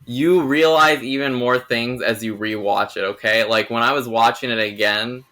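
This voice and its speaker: A man's voice: medium pitch, fairly even intonation, normal speed, sharp tone. A young man hosting a casual film review, rambling and restarting his sentences. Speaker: host.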